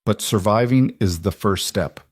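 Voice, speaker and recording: A man voicing a weary single mother who speaks softly and frankly, his voice lifted slightly for her. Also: fairly low pitch, normal speed, no room sound, studio quality, natural voice. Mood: gentle.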